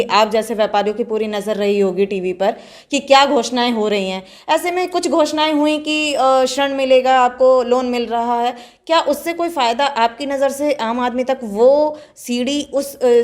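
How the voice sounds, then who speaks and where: A woman who hosts interviews for a news channel, with a voice a little higher than most women's. She asks long, probing questions and keeps up brief affirmations while her guest speaks.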